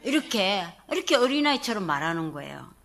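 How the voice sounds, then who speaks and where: A woman's voice: mid-range voice, fairly quick, vocal fry. A woman pastor with a Gyeongsang accent preaching a storytelling sermon, acting out the quoted speech. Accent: Gyeongsang Korean. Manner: animated, acts out quoted speech.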